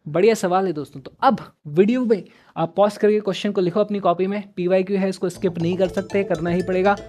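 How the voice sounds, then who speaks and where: A man's voice: high-pitched, fairly even intonation, fast, mellow. A young man teaching a math class online, chatty and encouraging, switching freely between Hindi and English. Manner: chatty, mixes Hindi and English, addresses students as friends.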